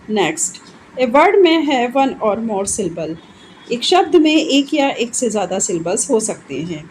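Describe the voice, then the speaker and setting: A woman with an Indian English accent teaching an English lesson. She reads English definitions slowly, then explains them quickly in Hindi, and checks with her students. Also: fairly high pitch, darkish tone, a little hiss or hum, low-quality recording. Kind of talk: classroom-style lesson explaining grammar.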